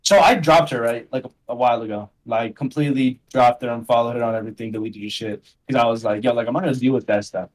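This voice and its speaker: A man's voice: mid-range voice, steady tone, quick pace, few pauses, rough recording. A young man chatting casually as a podcast guest, rambling in slang and filling his talk with "like" and "bro". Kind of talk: casual chat.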